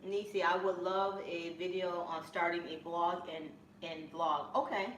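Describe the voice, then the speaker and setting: A woman hosting a home cooking live stream, chatting in a rambling way with bursts of excitement, from her kitchen. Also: fairly low pitch, measured pace. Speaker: cooking channel host. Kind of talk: casual live-stream chat. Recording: echoey room, mic at a distance, faint room noise.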